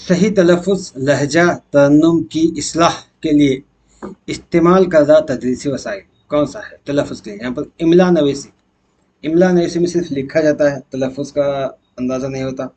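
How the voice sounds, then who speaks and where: Male teacher, husky and slightly high voice, talks through an exam answer key step by step. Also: a little mellow. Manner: explains step by step, asks and answers his own questions.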